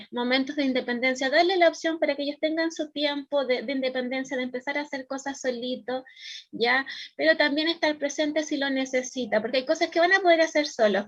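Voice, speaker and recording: A woman with a Chilean accent gives a calm, explanatory church teaching on parenting and sometimes acts out a child's voice. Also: sits high. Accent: Chilean Spanish.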